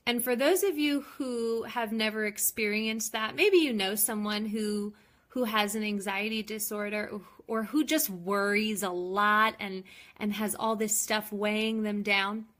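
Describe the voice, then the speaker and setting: Chatty bright-voiced young woman. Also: mid-range voice, measured pace. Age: 20s. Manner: chatty and open, with many ums and likes. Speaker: vlogger. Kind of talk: casual personal vlog.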